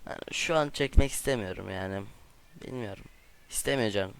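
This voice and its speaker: A man giving casual gameplay commentary to his viewers, trash-talking opponents in excitable outbursts and chatting directly to the audience. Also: lowish voice, brisk, creaky, smooth. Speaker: gaming video creator.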